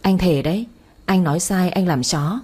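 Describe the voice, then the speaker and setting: A flattering, idle young husband coaxes money from his wife in a soft-edged, husky voice, as a woman reads him out. The tone sits low and mellow, easy and wheedling. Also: normal speed. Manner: coaxing, flattering. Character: middle-aged man, smooth-talking lazy son-in-law.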